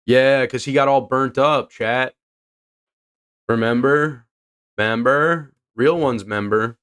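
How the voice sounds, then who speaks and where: A man's voice: mid-range voice, slow, a bit bright, clear, resonant tone. A young man reading a comic aloud in a casual, slangy way, reacting and laughing as he goes. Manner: laid-back, slangy, laughs at the story. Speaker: comic reader. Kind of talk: casual read-along with reactions.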